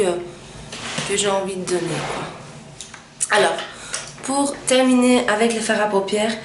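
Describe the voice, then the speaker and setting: A young woman chatting her way through a makeup tutorial, pausing often with little fillers as she explains each step. Her voice bounces around a roomy, echoey space, with a faint hum of ambient noise underneath. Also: medium pitch. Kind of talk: casual makeup tutorial narration.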